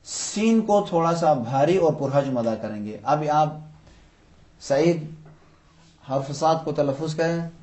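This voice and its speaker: A man teaching Quran recitation to children, patiently posing questions and slowly drawing out example words to show each sound. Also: on the high side, expressive, darkish tone. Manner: patient, poses questions then answers them. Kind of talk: tajweed lesson for children.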